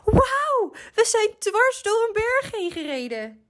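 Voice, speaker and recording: Vrouw die een opgewonden kleine kikker speelt. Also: female voice, sing-song, slow, full character voice. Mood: eager. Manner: eager, squeaky, full of wonder. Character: small excited young male frog.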